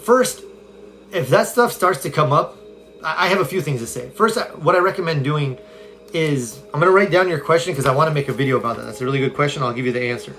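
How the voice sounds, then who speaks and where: A man's voice: on the high side, quick pace, a bit bright, a little hiss or hum. A man, chatting casually on a live stream, answering viewer questions as a self-help coach in an upbeat, conversational way. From California. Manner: upbeat, conversational, reads viewer comments aloud. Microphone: phone.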